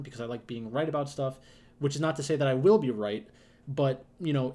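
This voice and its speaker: Slightly hoarse man talking casually, halting. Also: mid-range voice, a little mellow. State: slightly hoarse, allergy-affected voice. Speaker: YouTube host giving betting picks. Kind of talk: casual unscripted esports commentary.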